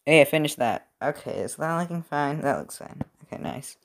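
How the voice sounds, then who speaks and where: A man's voice: fairly high pitch, lively intonation, a little fast, creaky. A young man chatting casually while he works on a build, rambling with lots of fillers and restarts. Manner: rambling, filler-heavy, self-correcting. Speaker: robot-building video creator. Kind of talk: casual commentary while working. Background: TV football game.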